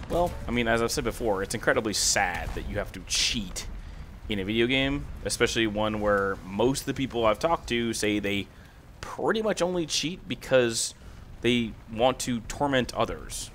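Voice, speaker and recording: A man with a raspy voice giving casual, rambling video commentary, often hesitating and backtracking mid-sentence. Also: mid-range voice, normal speed, fairly bright tone, slight background noise. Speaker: gaming video host.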